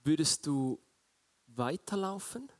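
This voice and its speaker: A man preaching a sermon, asking his listeners direct questions and growing louder and higher as he retells scripture. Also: big pitch swings, slow pace. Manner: asks the congregation direct questions.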